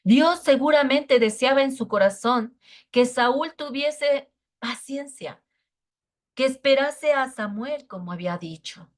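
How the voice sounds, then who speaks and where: A woman teaches a Bible lesson to children. She speaks earnestly and often pauses to check in with the young listeners through short tag questions. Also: sits high. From Mexico.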